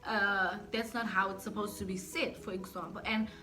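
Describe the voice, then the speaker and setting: A woman's voice: medium pitch, fairly even intonation, normal speed, sharp tone, soft background music. A young woman with a South African accent, telling stories casually as a vlogger. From South Africa, Johannesburg then Durban. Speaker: YouTube vlogger. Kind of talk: casual chatty storytelling.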